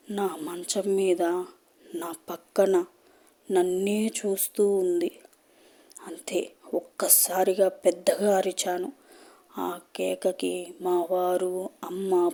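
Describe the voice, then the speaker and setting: A woman tells a first-person horror story in a hushed, unhurried way. Her delivery stays flat and even, and her tone is soft and mellow. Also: fairly low pitch.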